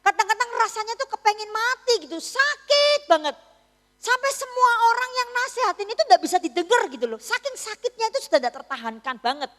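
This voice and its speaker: A woman preaches in a church, her high voice carrying through a long, ringing reverb. She tells her story in a chatty, teasing way, often checking in with the congregation. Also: very animated, a little fast, fairly bright tone. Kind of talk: sermon.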